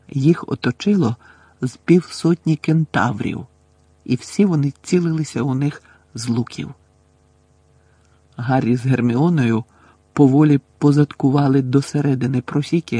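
A man's voice: medium pitch, a little mellow, slightly rough, no echo. A man narrating an audiobook expressively and voicing every character.

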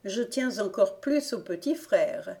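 Woman reader as a calm, sensible little girl, slow and plain. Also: mid-range voice, pitched above the performer's own voice.

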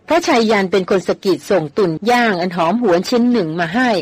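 A woman's voice: medium pitch, fast talker, breathy edge, no echo. Style: audiobook. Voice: woman narrating a novel, dry sound. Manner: even, storytelling delivery. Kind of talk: novel read aloud.

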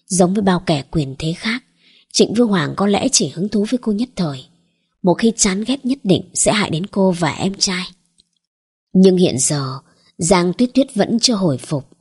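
A woman narrating a romance novel as an audiobook in a measured, dramatic reading. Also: on the low side, animated, darkish tone, husky. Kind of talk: scripted story narration.

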